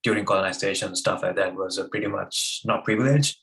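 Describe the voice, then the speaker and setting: A young man talks as a guest on a casual interview podcast. His voice sits a little low. He hesitates often and fills gaps with pauses. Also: a bit bright. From Sri Lanka. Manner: hesitant, many fillers.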